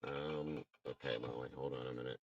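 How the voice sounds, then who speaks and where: A man's voice: rumbling low, little pitch movement, moderate pace, no echo, lo-fi sound. A man hosting a casual true crime talk, blunt and indignant, swearing now and then. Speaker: true crime podcast host. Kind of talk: casual chat.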